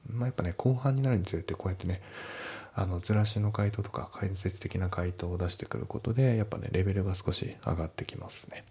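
A man tutoring English test questions in a relaxed, explanatory way with frequent filler words. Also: low-pitched, fast, breathy edge. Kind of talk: casual spoken lesson.

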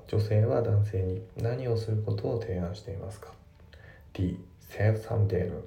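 A male English teacher explaining grammar and pronunciation step by step, reading example sentences slowly. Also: lowish voice, gravelly, warm tone, dull audio. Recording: echoey room, distant mic.

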